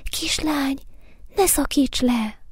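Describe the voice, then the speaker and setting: Egy nő, aki egy apró, félénk, könyörgő hóvirágot szólaltat meg halk, lehelletszerű hangon, mesében. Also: female voice, mid-range voice, fairly even intonation, no room sound, studio quality. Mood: pleading. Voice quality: soft, hushed, breathy. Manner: pleading, then proud. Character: tiny shy pleading female snowdrop flower.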